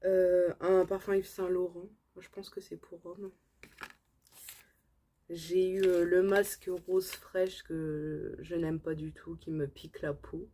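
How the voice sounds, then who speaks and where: A woman's voice: fairly low pitch, flat delivery, takes it slowly, mellow. A woman with a French accent, casually chatting through a beauty haul to her viewers, enthusiastic and full of fillers. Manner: chatty, filler-heavy, enthusiastic about products. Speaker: beauty vlogger. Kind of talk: casual haul chat to camera.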